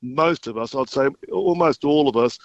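A man's voice: mid-range voice, moderate pace, vocal fry, dry recording. A mature Australian man chats as a guest on a phone-in. His delivery is a laconic, unassuming drawl, matter-of-fact as he reminisces. The sound is dry and a little dull. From South Australia. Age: middle-aged or older. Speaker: retired footballer, interview guest. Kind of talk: casual interview reminiscence. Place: phone call into a radio show. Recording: slightly dull phone-in audio.

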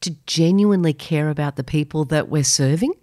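A woman's voice: low voice, a little fast, dark tone, no echo, clean studio sound. A woman co-hosting a radio talk show, reading scripted links and interviewing a guest with a teasing, upbeat manner.

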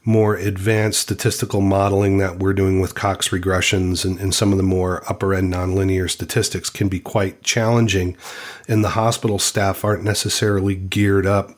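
A man's voice: deep voice, little pitch movement, moderate pace. A man hosting an interview in a conversational, informal way. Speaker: interviewer, host. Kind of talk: conversational interview with prepared introduction.

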